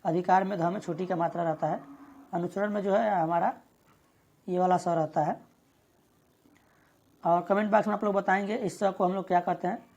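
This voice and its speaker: A woman teaches an exam prep lesson, reading each question and its options aloud before walking through the answer. Her voice is mellow and somewhat breathy, and her delivery stays steady and methodical. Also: lowish voice, normal speed, long pauses, muffled recording.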